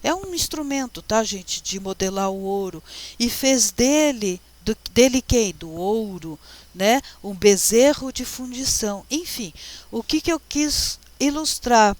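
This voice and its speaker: A woman's voice: a little high, animated. A woman teacher giving a slide lecture, constantly checking with her class as she explains Hebrew words. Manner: addresses class often, checking with "tá?" and "gente"; slow, deliberate explanation, reading out Hebrew words.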